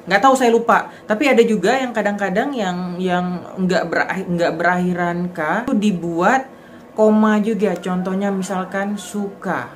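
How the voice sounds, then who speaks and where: A woman's voice: mid-range voice, fairly even intonation, normal speed, a little hiss or hum. A woman from Aceh, casually explaining and demonstrating how words are pronounced, thinking aloud as she goes. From Aceh, Indonesia. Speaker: vlogger.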